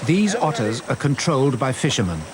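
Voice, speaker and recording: Male narrator for a nature documentary: mid-pitched, measured and serious, with loud animal and outdoor sound behind the voice. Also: big pitch swings, heavy background noise.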